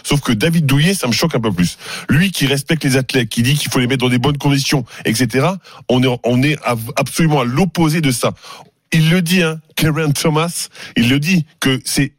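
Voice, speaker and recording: A man's voice: mid-range voice, fairly quick, dry recording, clean studio sound. A man arguing heatedly as a radio sports pundit, insistent and repeating himself when pressed. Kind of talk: heated debate.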